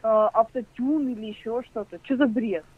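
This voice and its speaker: A woman's voice: on the high side, normal speed, a crowd in the background. Irritated woman on a tinny phone line. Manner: irritated and insistent, talking over the caller. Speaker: call recipient.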